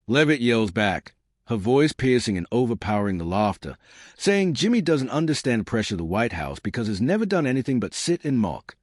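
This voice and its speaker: Male narrator, low voice with lively swings, dry close sound, for dramatic scripted storytelling. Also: no echo.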